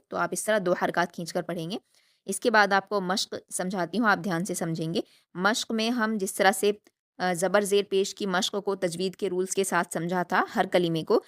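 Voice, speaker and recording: A woman leads an online recitation lesson in a smooth, resonant voice at an ordinary middle pitch. She explains each rule patiently and keeps checking that her students follow. She draws out the practice syllables slowly so they can be copied. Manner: asks rhetorical check questions. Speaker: Quran recitation teacher.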